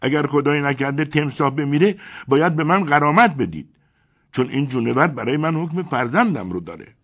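A man voicing a frantic, greedy German menagerie owner who wails and blusters loudly. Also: mid-range voice, big pitch swings, breathy edge, dull audio, pitched above the performer's own voice. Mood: indignant. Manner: loud wailing cries, blustering demands.

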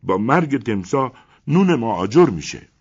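A man voicing a frantic, greedy German menagerie owner who wails and blusters loudly. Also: mid-range voice, sing-song, breathy edge, lo-fi sound, voice pushed up. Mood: indignant. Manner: loud wailing cries, blustering demands.

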